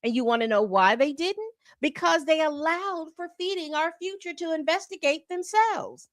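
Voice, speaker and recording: A woman's voice: extremely high pitch, normal speed, dry recording. A woman hosting a commentary channel, reading from a report and breaking off into exasperated asides. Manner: reads documents aloud then comments with exasperated asides.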